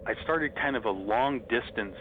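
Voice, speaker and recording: A man's voice: mid-range voice, moderate pace, phone-quality sound. Middle aged guy in an interview telling stories like a big fan, thin phone sound, pretty noisy. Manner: enthusiastic fan's reminiscing. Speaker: interview guest, horror host. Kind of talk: casual interview storytelling.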